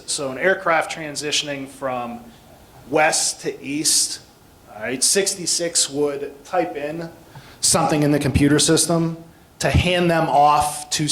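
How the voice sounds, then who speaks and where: The speaker is an American man who teaches air traffic control, here a guest explaining things simply in a casual session with listener questions. His voice runs on the high side and a bit bright, over a rough recording.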